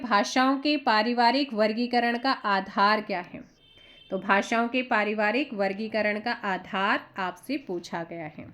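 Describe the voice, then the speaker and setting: A woman coaching candidates, reading out multiple-choice questions and repeating each answer quick rhetorical checks. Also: medium pitch, a bit bright. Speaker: exam coaching teacher. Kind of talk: quiz-answer lesson.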